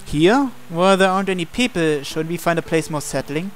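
Reading a visual novel's narration and dialogue aloud as host, this young man sounds animated, with a slightly high voice and a somewhat fast pace. Game background music sits under his speech.

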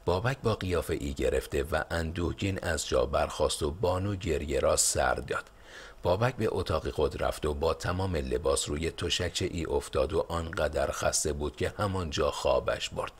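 A man narrating a historical novel as an audiobook in a measured storytelling manner. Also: rumbling low, breathy edge. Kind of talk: scripted narration.

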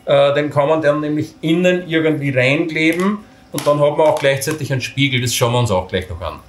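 In a hands-on tutorial, a man with a fairly high voice briskly and casually assembles camping gear step by step, talking as he handles the parts and poking fun at his own mistakes. The recording has a roomy echo and faint noise.

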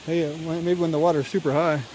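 A man's voice: fairly high pitch, fast, slight background noise. Chatty man vlogging on a hike. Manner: chatty, excitable, self-deprecating. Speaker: hiking vlogger. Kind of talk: casual vlog narration. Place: outdoors in a sunny rocky canyon. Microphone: handheld camera at arm's length.

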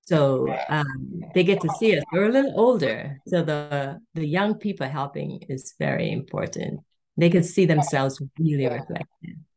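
A woman's voice: deep voice, expressive, measured pace, creaky. A woman from Jamaica, speaking with a Jamaican accent, tells stories as a guest on an interview show over a video call. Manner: warm storytelling, acts out quoted voices.

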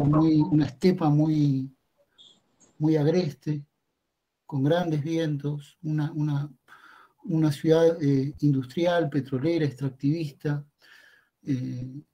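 A man's voice: on the high side, steady tone, slow, long pauses, mellow, breathy edge. A poet from Patagonia introducing his poem, hesitant and searching for words, often repeating himself. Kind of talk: poetry reading introduction.

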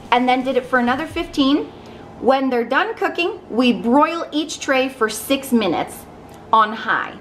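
A woman's voice: high-pitched, fairly bright tone. Chatty woman explaining recipes, light music. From Canada. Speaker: vlogger. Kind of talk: casual cooking vlog. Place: home kitchen, indoors.

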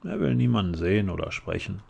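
A man voicing a weary, patient vampire count father in a relaxed ASMR story reading. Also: low voice, quick pace, gravelly, slightly rough, exaggerated voice. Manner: sighing, patient, correcting.

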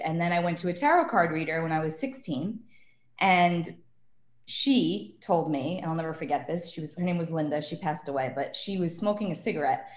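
A woman's voice: low voice, darkish tone. A woman from New York, a guest tarot reader, chatting casually and rambling through stories with lots of "like". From New York, USA. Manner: chatty, rambling storyteller, many "like"s. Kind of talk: casual podcast conversation. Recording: roomy echo.

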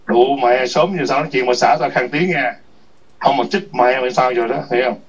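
A man's voice: mid-range voice, a little fast, slightly rough. A man ranting in an online chat room, scolding and cursing with repeated taunting questions. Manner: foul-mouthed, scolding, repetitive taunts. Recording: distant muffled lo-fi mic.

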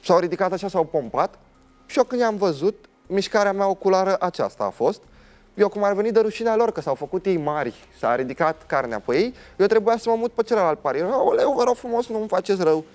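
Animated young man telling a story. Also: high-pitched. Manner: animated, dramatic storyteller, acts out other people's lines. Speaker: talk show guest. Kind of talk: personal storytelling in a TV interview.

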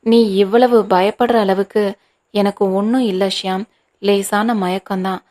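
Audiobook mother, weary and gentle, read by a woman, flat delivery. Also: medium pitch, measured pace, close to an everyday voice. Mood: reassuring. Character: worried, tender mother reassuring her son.

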